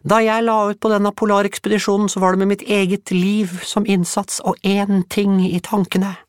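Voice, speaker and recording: A man's voice: high-pitched, little pitch movement, smooth, no echo, studio quality, pitched above the performer's own voice, close to an everyday voice. A man voicing a tiny, boastful red-haired boy who speaks in grand, pompous speeches.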